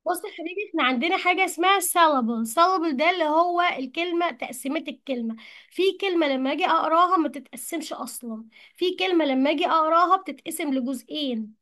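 A woman teacher with an Egyptian Arabic accent, explaining English words to young pupils in colloquial Arabic and repeating each English word slowly. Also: sits high, a bit bright. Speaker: primary school English teacher. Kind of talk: Arabic-language lesson explaining English vocabulary.

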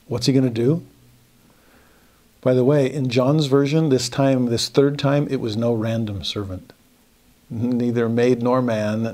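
A middle-aged man leads a verse-by-verse scripture lesson. He reads the quoted verses slowly, then shifts into lively asides that voice what the characters are thinking. His voice sits in an ordinary middle pitch for a man. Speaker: scripture teacher.

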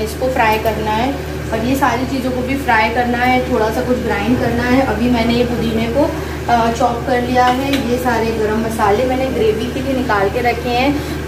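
A woman's voice: a little high, background noise. A woman in her thirties chatting through a cooking vlog in her home kitchen, explaining each step as she goes while hot and sweating. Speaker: cooking vlogger. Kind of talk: casual cooking vlog chat.

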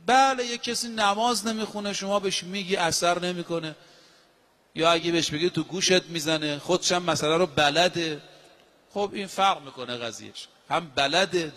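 A man's voice: sits high, pushed and bright. A male preacher giving a sermon, emphatic, with rhetorical questions and repeated phrases. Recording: long hall reverb.

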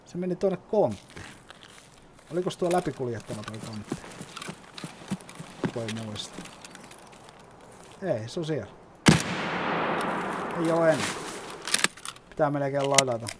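A man's voice: medium pitch, lively intonation, pauses often, very noisy. A man giving casual gameplay commentary, explaining as he plays and swearing often. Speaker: gaming YouTuber.

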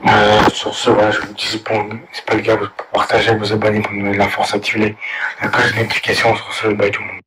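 A man with a hoarse, sick-sounding voice vents angrily in a crude, halting rant, full of hesitations. He keeps an unvarying, flat tone throughout. The recording carries a clear layer of noise behind him. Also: fairly low pitch. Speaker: gamer ranting to viewers. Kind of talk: angry video rant.

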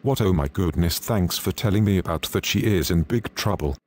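A man voicing a deep-voiced stern teacher. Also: moderate pace, no echo. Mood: scolding. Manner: flat synthetic delivery. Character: stern male schoolteacher.

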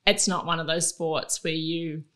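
A woman's voice: low-pitched, unhurried. A young woman with a New Zealand accent, chatting easily as an interview guest in a living room, close to a studio mic. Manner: relaxed, chatty, laughs easily. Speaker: guest, Olympic rower. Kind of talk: casual interview chat. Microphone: studio mic on boom arm.

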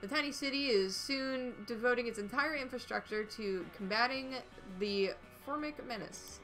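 A woman's voice: on the high side, normal speed, fairly bright tone, faint music behind. A woman narrating a dating game on a stream, reading the text in a playful, upbeat way with dry asides.

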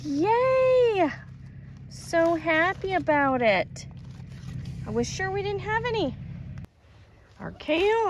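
Woman vlogger, phone held out in a garden, slightly high, gravelly, cheerful chatter. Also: slight background noise, poor audio. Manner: chatty and cheerful, exclaiming over her plants. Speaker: homesteading vlogger. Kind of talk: casual garden tour. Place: outdoor garden and greenhouse.

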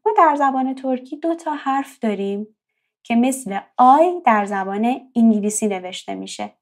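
A young woman teaching a language lesson, calmly explaining and repeating example words slowly and clearly. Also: mid-range voice. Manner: slow, drawn-out repetition of example words.

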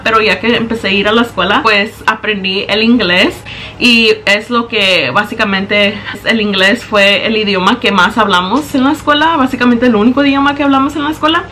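Speaking to a close-range camera set in front of her in a small bedroom, a young woman walks through a makeup tutorial step by step in chatty Spanish sprinkled with English words. She's a beauty vlogger whose voice is a little high, bright and forceful, with a touch of hiss or hum.

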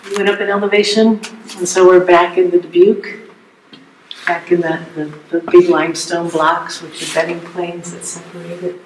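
A man gives an explanatory guided tour inside a cave, his voice ringing with echo over faint noise. He speaks thoughtfully and haltingly, often repeating a word as he goes. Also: high-pitched, little pitch movement.

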